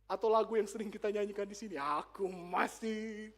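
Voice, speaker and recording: A male pastor preaching a lively, conversational sermon with asides to the congregation in a church. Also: sits high, racing.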